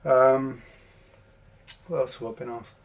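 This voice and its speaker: Speaking slowly and steadily in a mid-range voice, a southern English man in his forties rambles through a casual vlog update to camera, with lots of ums and false starts. The sound is lo-fi.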